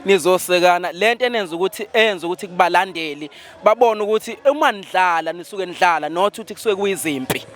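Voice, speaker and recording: High-voiced man with a Zulu accent. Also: quick pace, fairly bright tone. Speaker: interviewer for an online channel. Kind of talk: casual event interview.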